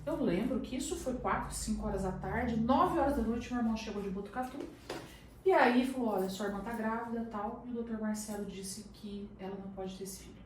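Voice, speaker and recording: A woman with a Brazilian Portuguese accent, a guest on an interview show, telling a personal story in a lively way and acting out what others said. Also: fairly high pitch, a little fast. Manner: animated storyteller who acts out the other people's lines. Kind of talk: casual chat, personal storytelling. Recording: very echoey room, distant mic, faint noise.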